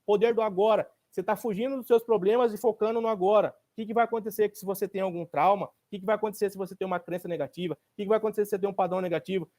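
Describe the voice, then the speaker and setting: A man gives a motivational workshop talk, his voice pitched notably high for a man. He speaks in a colloquial, emphatic way, posing rhetorical questions and answering them himself. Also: a little mellow. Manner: casual colloquial phrasing, repeats points for stress. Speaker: therapist and speaker.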